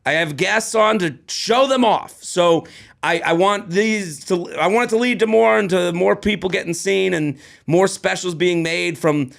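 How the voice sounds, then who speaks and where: Excitable high-voiced comedian, gravelly edge. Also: male voice, measured pace. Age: 30s. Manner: excitable, rambling self-promotion. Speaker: comedian podcast co-host. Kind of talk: casual podcast chat.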